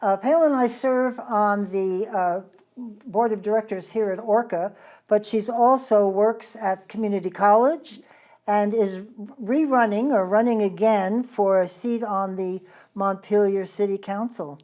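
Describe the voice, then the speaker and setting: A woman's voice: medium pitch, measured pace, darkish tone. A woman hosting a community interview show, introducing her guest and asking short questions. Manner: brief encouraging interjections. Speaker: host.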